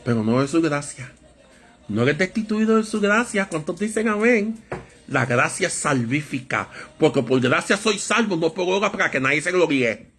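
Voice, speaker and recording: A man preaching a Bible study sermon, with a lively storytelling manner that acts out voices in anecdotes. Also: on the high side, moderate pace, soft background music.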